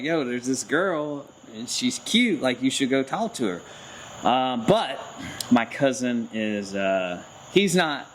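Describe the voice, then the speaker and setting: Animated storytelling man in his thirties. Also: medium pitch, slight background noise, low-quality recording. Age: 30s. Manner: animated, laughs often, acts out voices in his stories. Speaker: garage channel host. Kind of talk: casual storytelling chat.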